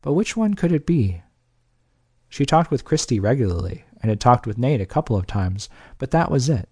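A man narrating an audiobook in a steady, measured reading. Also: mid-range voice, husky, no echo, studio quality.

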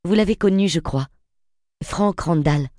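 A woman's voice: lowish voice, a little slow, mellow, no echo, studio quality, lightly acted. A woman reading an audiobook, voicing a confident, friendly woman in her forties. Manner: poised, friendly.

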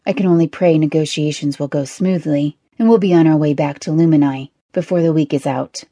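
A woman narrator voicing a young nobleman who speaks in a calm, commanding and slightly amused way, pitched a little lower than her narration. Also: a little fast, no echo, clean studio sound, close to an everyday voice.

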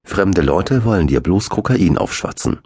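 A man's voice: sits low, animated, a little slow, a little mellow, breathy edge, no room sound, heavily acted. A man voicing a strict, know-it-all ten-year-old boy in a storybook reading, lecturing his little brother in a fussy way.

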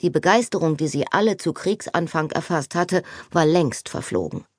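A woman narrating a novel as an audiobook, expressive and animated. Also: low voice, moderate pace, dry recording, studio quality. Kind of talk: scripted narration.

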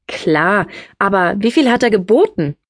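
A woman's voice: mid-range voice, lively intonation, unhurried, dry recording, clean studio sound. A woman voicing a streetwise young woman who talks bluntly and breezily in an audiobook. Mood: breezy. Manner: blunt, breezy, matter-of-fact.

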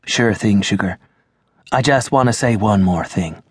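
A man's voice: on the low side, unhurried, slightly rough, no room sound, studio quality. A man voicing an easygoing male vampire with a folksy, slangy drawl in an audiobook. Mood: tender. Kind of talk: audiobook character voice.

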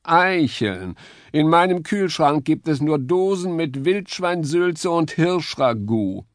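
A man's voice: mid-range voice, expressive, unhurried, darkish tone, dry recording, clean studio sound, pitched above the performer's own voice. A man voicing a haughty, greedy house cat in a children's audiobook, speaking with arrogant drawl.

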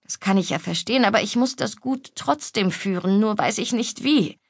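A woman's voice: mid-range voice, normal speed, vocal fry, breathy edge, dry recording, studio quality. A woman voicing a troubled young mistress of an estate, speaking earnestly. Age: young adult.

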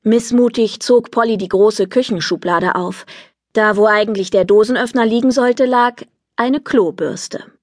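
Female narrator, lively kids' audiobook read, dry booth sound. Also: on the high side, a little slow, dry recording. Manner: lively, expressive storytelling. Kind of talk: scripted narration of a children's book.

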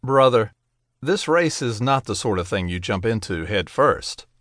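A man voicing a serious, cautious older brother who speaks in a low, measured way. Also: animated, a bit bright, no echo, studio quality. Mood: earnest.

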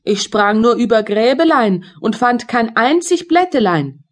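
A woman's voice: on the high side, very animated, a little slow, pitched above the performer's own voice. Woman doing a bleating storybook goat. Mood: complaining. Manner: sing-song rhymes ending in bleats. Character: hungry, complaining female goat.

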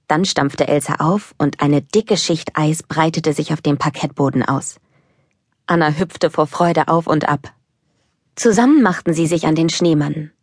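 A woman narrating a children's audiobook in a calm, even storytelling manner, recorded close in a studio. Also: deep voice, dry recording.

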